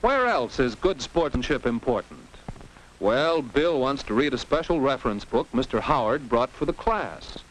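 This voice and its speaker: The narrator of this 1950s educational film for teens is an American man whose mid-range voice is sing-song at a normal speed. His narration is scripted and didactic, full of questions and exclamations in the style of a commentator, on a noisy old soundtrack.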